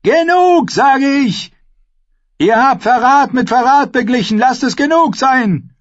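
A man's voice: extremely high pitch, lively intonation, measured pace, highs cut off, voice pushed up. A man voicing a noblewoman and mother who pleads urgently, in an audiobook. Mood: shouting. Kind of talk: audiobook character voice.

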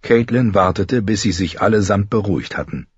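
A man's voice: fairly low pitch, normal speed, breathy edge, dry recording. A man reading a story aloud in scripted audiobook narration, telling it expressively. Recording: dry, dull lo-fi audio.

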